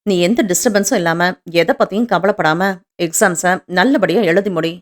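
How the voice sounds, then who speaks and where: Devoted young husband, voiced by a woman reader, soft, slightly lowered, earnest. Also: moderate pace, close to an everyday voice. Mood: tender earnest.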